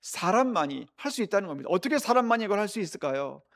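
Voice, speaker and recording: A man preaching a midweek sermon in a church, conversational and lively, acting out the exclamations he quotes. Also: sits high, quick pace, creaky. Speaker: pastor.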